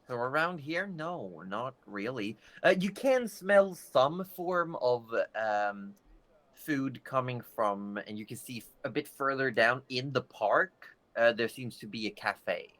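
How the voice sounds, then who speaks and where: A man runs a tabletop game as game master, describing the scene at an easy, searching pace, with plenty of fillers. His intonation rises and falls in a lively way. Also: mid-range voice, unhurried.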